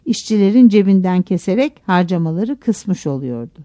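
A woman narrating a novel aloud in a measured, expressive audiobook reading. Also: mid-range voice.

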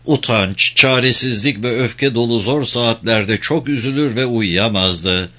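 A man narrating literary fiction as an audiobook, in a slow, measured, somber way. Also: mid-range voice, pushed and bright.

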